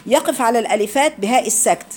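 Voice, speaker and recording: Fast-talking Egyptian woman teacher. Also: fairly high pitch. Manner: explains rules and quizzes students with questions. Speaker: Quran recitation teacher. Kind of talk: classroom lecture.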